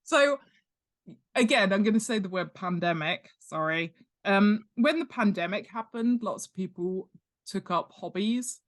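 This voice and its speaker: A woman with a mid-range, expressive voice speaks unhurriedly as an interview guest. She's an author and world-building expert who chats casually and jokes self-deprecatingly about herself and her work.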